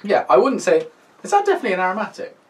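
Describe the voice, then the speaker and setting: A man's voice: high-pitched, huge pitch swings, racing. Young British man, distant mic. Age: 20s. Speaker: co-host of a pipe tobacco review video. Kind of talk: casual, bantering review chat. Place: small indoor room. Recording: distant mic, faint room noise.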